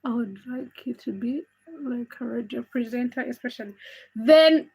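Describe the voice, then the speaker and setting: With a lo-fi sound, a woman's voice comes through on the high side, gravelly, a little mellow and slightly rough, at a moderate pace. She is a young Ugandan livestream host, not a native English speaker, casually reading comments, chatting candidly and greeting viewers by name.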